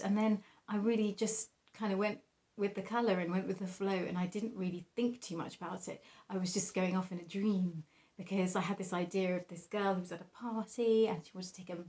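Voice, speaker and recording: A young woman talks casually, as a painter would to viewers of a personal vlog. Her voice sits at an average female pitch. She rambles through hesitant asides with a giggly, self-deprecating manner. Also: darkish tone. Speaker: painter presenting own artwork.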